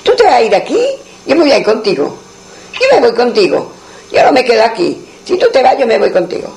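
A man's voice: very high-pitched, sing-song, fast, creaky, a little mellow, pitched above the performer's own voice, exaggerated voice. A man putting on a bold, pushy young woman. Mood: insistent. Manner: insistent and clingy.

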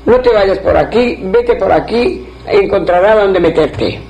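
A man playing a calm, kindly holy stranger. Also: high-pitched, a little slow. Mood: reassuring. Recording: dull lo-fi recording.

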